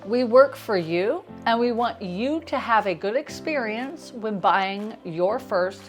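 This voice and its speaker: A woman's voice: mid-range voice, lively intonation, slow, soft background music. An American woman with a lisp and whistling s sounds, presenting a scripted explainer to camera as a realtor and host.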